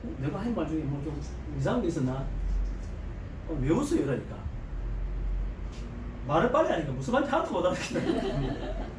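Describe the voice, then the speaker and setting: A middle-aged man with a heavy Gyeongsang Korean accent gives a lively seminar lecture to a live audience, his fairly high voice jumping around as he cracks jokes and poses rhetorical questions. He talks briskly with frequent pauses, sitting far from the mic in an echoing hall with a faint ambient hum.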